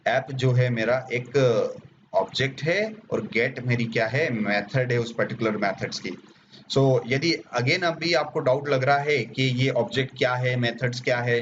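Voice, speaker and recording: A man teaching web programming in a step-by-step screen-recorded tutorial, repeating terms as he types. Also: medium pitch. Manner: explains step by step, repeats terms while typing, mixes English phrases. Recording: slightly dull lo-fi mic with faint hiss.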